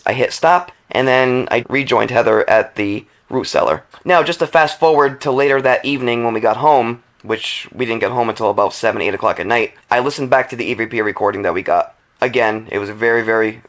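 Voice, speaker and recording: A man from New England co-hosts a relaxed podcast in a mid-range voice. He tells his stories with plenty of animation and keeps them chatty. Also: mid-range voice, fairly quick. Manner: storytelling, animated about spooky finds. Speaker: podcast co-host. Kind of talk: casual chat.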